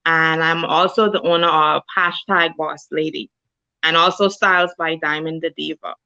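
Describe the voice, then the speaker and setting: A woman's voice: sits low, fairly even intonation, moderate pace, pushed and bright, highs cut off. A woman telling her story as an interview guest, chatty with many ums and likes. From Bahamas. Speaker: guest entrepreneur. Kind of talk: casual interview talk.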